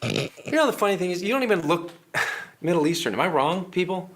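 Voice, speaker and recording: A man performing a satirical comedy sketch with a mock-earnest, sarcastic delivery. His voice sits a touch higher than most men's, and he keeps slipping into laughter. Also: sing-song, brisk, a bit bright.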